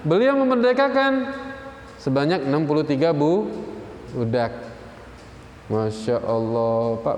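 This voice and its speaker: Male religious teacher, chatty storytelling sermon, kinda high voice, big echoey hall. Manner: animated, conversational, addresses listeners as Pak. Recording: echoey hall, faint room noise.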